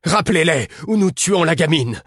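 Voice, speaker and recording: A man narrating a story voices a red-bearded armed thug who shouts frantically. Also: on the high side, lively intonation, normal speed, husky, dry recording, studio quality, voice pushed up. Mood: frantic shout.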